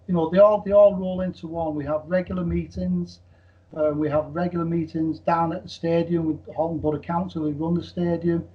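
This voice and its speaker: A man answering interview questions about his team, earnest and repeating words as he starts. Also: fairly high pitch. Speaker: team official. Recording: dull lo-fi sound.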